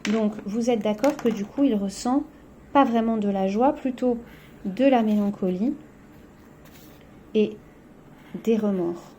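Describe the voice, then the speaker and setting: A woman's voice: mid-range voice, measured pace, long pauses, dark tone, a little hiss or hum. A woman teacher going over a poetry exercise in a recorded lesson, explaining step by step with frequent "donc" and "hein".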